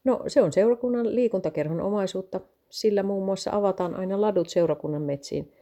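In a warm, mid-range voice with light acting, a woman voices a cheerful male vicar in a read-aloud story. She eagerly and salesily lists everything his parish has to offer.

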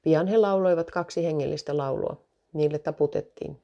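A woman narrating a story in a steady, even reading voice. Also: sits low, vocal fry, highs cut off.

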